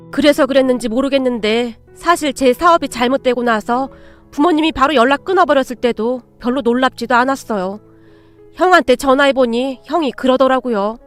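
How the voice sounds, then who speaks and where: A woman giving a scripted first-person story narration in an even, plainspoken reading. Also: sits high.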